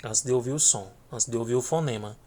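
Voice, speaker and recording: Male teacher, mid-pitched, drills each word slowly for students. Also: warm tone. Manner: slow, repeating each letter name for learners. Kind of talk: video lesson.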